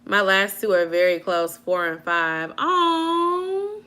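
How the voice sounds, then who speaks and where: A woman in her late twenties, a vlogger, chats casually from home with her live viewers, reading and answering their comments. Her mid-range voice moves slowly, and she's animated and slangy, laughing often.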